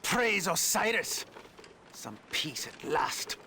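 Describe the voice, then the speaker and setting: An actor playing a proud, indignant captive sailor from Egypt who speaks in a formal, haughty way. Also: male voice, high voice, very animated, takes it slowly, background noise, heavily acted. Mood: relieved.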